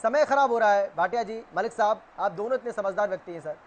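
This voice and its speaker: A man anchoring a TV news debate, trying to calm both guests and repeating his pleas to get back on topic. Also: high-pitched, fast talker, a loud crowd. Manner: pleading, repeating phrases to restore order. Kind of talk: moderating a TV debate.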